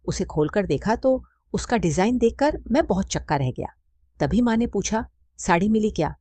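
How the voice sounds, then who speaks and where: A woman's voice: mid-range voice, animated, normal speed, mellow, no echo. A woman giving a mournful, scripted first-person story narration.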